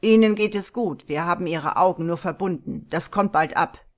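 A calm unseen interrogator voice, as a woman reads it. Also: on the low side, close to an everyday voice. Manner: calm and measured, reassuring.

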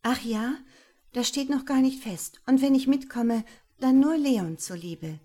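A woman's voice: medium pitch, moderate pace, mellow, husky, natural voice. A woman reading the lines of a young woman who answers brusquely and sounds flustered. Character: young woman, prickly and torn.

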